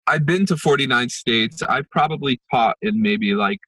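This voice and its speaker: A young man with a medium-pitched, bright voice talks at normal speed in a forceful tone with a breathy edge, and there is no room sound. Born in Israel, raised in New Jersey and New York, this empathy workshop facilitator reflects as a podcast guest during a conversational interview, often using fillers and restarting sentences.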